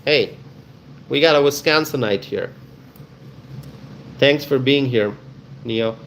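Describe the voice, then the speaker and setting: A man with a Bangladeshi accent hosts a casual live stream, speaking slowly in a mid-range, slightly bright voice. He chats with viewers in a friendly, welcoming way, often repeating himself. There is slight background noise.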